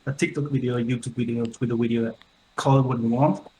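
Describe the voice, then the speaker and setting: A man's voice: mid-range voice, level tone, mellow. Man with a robotic, metallic-sounding mic. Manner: halting, many fillers and restarts. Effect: robotic, metallic-sounding microphone. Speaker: debate participant. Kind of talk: casual online debate. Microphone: laptop microphone. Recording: echoey with faint noise.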